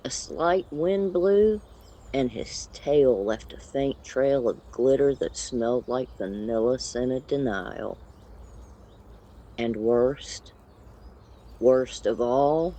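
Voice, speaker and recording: A narrator reading a comedic storybook tale in a dry, deadpan way. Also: mid-range voice, slow.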